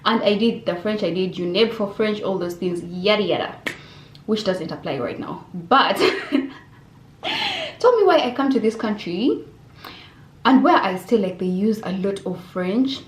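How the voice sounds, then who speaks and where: A woman's voice: medium pitch, big pitch swings, unhurried. A young adult woman from Uganda, chatting expressively to viewers in a casual Q&A vlog from her bedroom. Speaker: vlogger. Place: bedroom indoors. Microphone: camera on desk facing her. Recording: roomy bedroom echo, faint hum.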